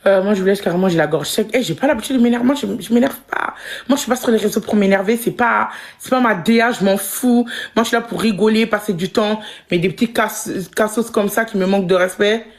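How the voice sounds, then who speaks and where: A woman's voice: medium pitch, fast talker. A woman livestreamer in a heated, repetitive, confrontational rant, full of slang, talking straight at her viewers. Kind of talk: angry live-stream rant.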